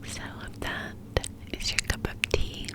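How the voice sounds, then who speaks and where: Slow, breathy cupped-hand ASMR whisper, woman. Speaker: ASMR host.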